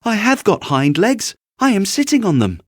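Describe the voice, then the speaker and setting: A small, proud male toy rabbit from a bedtime tale, played by a man. He speaks in a raised, slightly husky voice, shy underneath but defensive and stubbornly insistent. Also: high-pitched, very animated, moderate pace, dry recording, clean studio sound, pitched above the performer's own voice. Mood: indignant. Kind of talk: bedtime storybook character voice.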